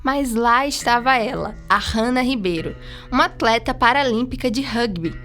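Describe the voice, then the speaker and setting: A Brazilian woman with a fairly high voice narrates a journalism podcast from a script. She keeps it informal and conversational, with music playing behind her. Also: moderate pace, a bit bright.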